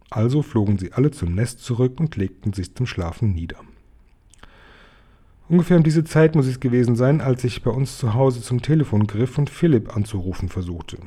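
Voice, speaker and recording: A man reads a children's book aloud in a calm, even way. His voice is mellow and dark with a husky grain. The telling is steady and unhurried. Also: medium pitch. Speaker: storybook reader.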